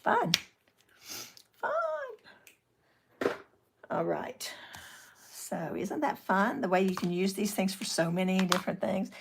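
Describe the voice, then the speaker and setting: A woman's voice: mid-range voice, lively intonation, normal speed, vocal fry, slightly rough. An older woman hosting a live craft session, chatting casually as she works and answering viewer comments. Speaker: craft channel host.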